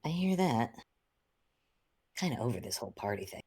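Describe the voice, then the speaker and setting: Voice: mid-range voice, sing-song, moderate pace, mellow, breathy edge, no echo, clean studio sound. A player in a casual tabletop role-playing game, laid-back and hesitant, thinking aloud.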